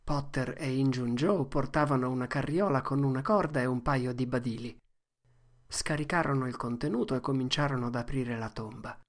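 A narrator reading an audiobook in a steady, measured way. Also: medium pitch.

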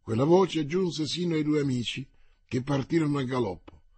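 A man reads an adventure novel aloud with dramatic pacing. His voice sits a little high and sounds husky, recorded close and dry with no room sound. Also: moderate pace, a little mellow, no echo. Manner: dramatic, paced reading. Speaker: narrator. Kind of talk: audiobook narration.

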